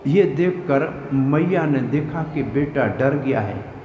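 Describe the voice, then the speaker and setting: A man's voice: medium pitch, animated, slow pace, highs cut off. A man giving a devotional scripture discourse as a preacher, telling the story vividly, acting out its scenes and explaining the verses. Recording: echoey hall with faint noise.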